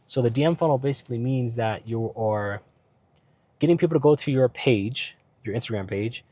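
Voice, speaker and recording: At normal speed and medium pitch, slightly mellow with no room sound, a business vlogger talks casually in his car. He's ill with his voice starting to go, and he wanders through fillers and asides, constantly checking "right?"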